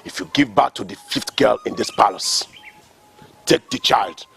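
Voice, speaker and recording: A man's voice: medium pitch, huge pitch swings, measured pace, gravelly, fairly bright tone, a little hiss or hum, heavily acted. A man with a Nigerian accent playing a stern, demanding king in a film drama, speaking in a commanding, declamatory way. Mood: angry, threatening. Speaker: actor.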